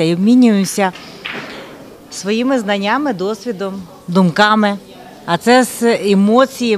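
A woman giving measured, speech-like feedback after a cooking class. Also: medium pitch. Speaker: master class participant. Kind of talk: casual spoken feedback.

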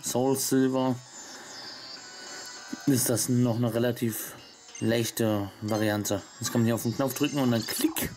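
A man's voice: medium pitch, fairly even intonation, a little slow, pauses often, a little mellow, faint music behind. A man giving casual video game commentary and reading on-screen text aloud as he plays. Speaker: let's-play gamer.

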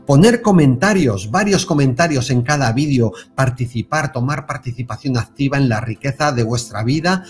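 Animated Spanish man over soft music. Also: medium pitch, normal speed, hardly any pauses, husky. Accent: Spain Spanish. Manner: animated, repeats words and stresses with tag questions. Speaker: self-help video host. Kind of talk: motivational spiritual talk to camera.

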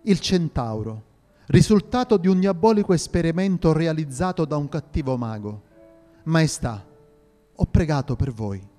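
A man voicing a humble, serene saint who speaks in a soft, solemn way. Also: fairly high pitch, lively intonation, moderate pace, natural voice. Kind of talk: audio drama reading. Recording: reverberant hall with faint music.

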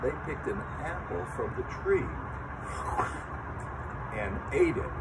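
An older man with grandchildren leading a lively children's sermon outdoors, talking straight to the kids as he tells a story. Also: medium pitch, slow. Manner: animated storytelling, talks to children. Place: outdoor covered chapel area. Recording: distant mic with traffic noise outdoors.

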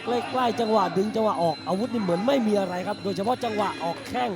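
A man giving excited Muay Thai boxing commentary, breaking into exclamations as he follows the strikes. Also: high voice, quick pace. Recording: music behind the commentary.

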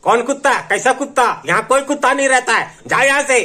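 A man's voice: very high voice, expressive, a little fast, pushed and bright, exaggerated voice. A man with a Bundeli accent playing a cheeky son who talks back and trades insults in a comedy sketch. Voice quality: cheeky, argumentative back-talk. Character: cheeky mouthy young son.

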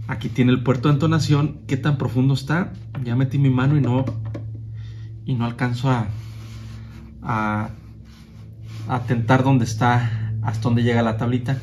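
A man's voice: mid-range voice, darkish tone, a little hiss or hum. A man with a Mexican Spanish accent giving a casual, chatty walkthrough of sound equipment, with many fillers and restarts as he handles the gear. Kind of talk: casual product show-and-tell.

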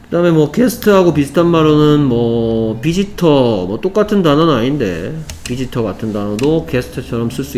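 A man's voice: mid-range voice, a little mellow, slight background noise. Man teaching vocabulary step by step. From South Korea. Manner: explains step by step, repeats words, says "okay" often. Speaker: English teacher. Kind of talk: vocabulary lesson.

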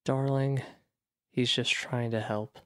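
A man voicing Logic, a devoted, witty partner in an audio drama, gentle and reassuring. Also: mid-range voice, steady tone, slow pace, clear, resonant tone, no room sound, studio quality, lightly acted. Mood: tender.

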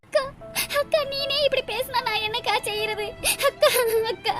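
A lovesick younger sister in a cartoon, voiced by a woman, pleading through sobs. Her voice is very high and tearful throughout. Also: moderate pace, over music. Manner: pleading, sobbing. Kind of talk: cartoon voice acting.

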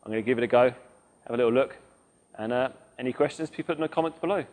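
A man's voice: mid-range voice, quick pace, noisy background. A man in his thirties coaches viewers through a workout, explaining each movement while he performs it. His talk is practical and instructive. He is recorded on a lapel mic in a large indoor gym. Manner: instructive, demonstrates moves while talking. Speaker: fitness coach. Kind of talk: workout demonstration.

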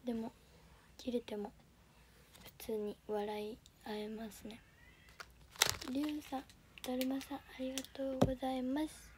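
Soft-spoken teen girl with Kansai accent. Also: sits high, level tone, normal speed, pauses often, very noisy. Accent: Kansai Japanese. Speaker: audition livestreamer. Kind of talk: casual livestream chat reading viewer comments. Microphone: phone camera.

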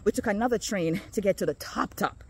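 Out on a neighborhood street, a Jamaican vlogger talks casually to her phone audience while walking, slightly short of breath. Her medium-pitched voice is brisk and expressive, with a breathy edge.

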